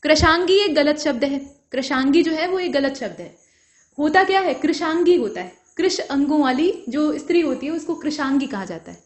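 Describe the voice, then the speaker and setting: A woman's voice: high-pitched, lively intonation, moderate pace. A woman teaching Hindi grammar for an exam, working through each answer step by step and checking in with her students as she goes. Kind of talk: explanatory lesson.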